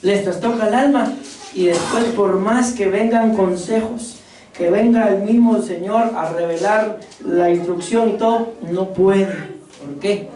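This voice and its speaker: Female preacher, warm mellow voice, rhetorical questioning style, heard from a distance in an echoey hall. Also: mid-range voice. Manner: animated, addresses congregation as beloved brothers, quick rhetorical questions. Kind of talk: sermon. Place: church hall.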